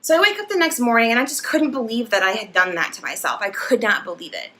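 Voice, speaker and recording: Young woman, vlogger, bright crisp voice, pitched a bit high, laughing, acting out a story. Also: quick pace. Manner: animated, laughing, acts out the story. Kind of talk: casual storytelling to camera.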